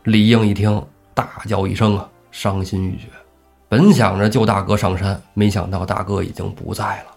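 A man telling a classic tale on a casual storytelling podcast, acting out the characters' lines with lively energy. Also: fairly low pitch, moderate pace, gravelly, faint music behind. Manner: lively, acts out characters' shouts. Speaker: storyteller host.

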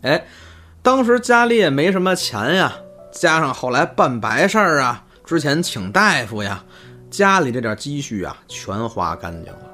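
A man hosting a storytelling podcast, narrating in a lively, chatty way with asides to his co-host. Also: on the high side, normal speed, soft background music.

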